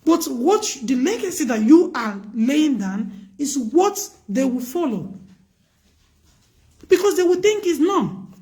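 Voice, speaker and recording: A loud-voiced woman hosts a live stream, offering earnest, preachy relationship advice and repeating points for emphasis. Her voice sits high and is very animated, and she speaks slowly with long pauses.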